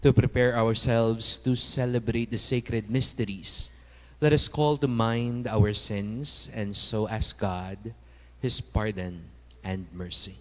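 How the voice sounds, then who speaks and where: A man, a priest, leading the opening prayers of a Mass in a measured, formal way, his voice carrying a cathedral echo. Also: lowish voice, steady tone. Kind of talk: liturgical presiding prayers. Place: large church. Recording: long church reverb.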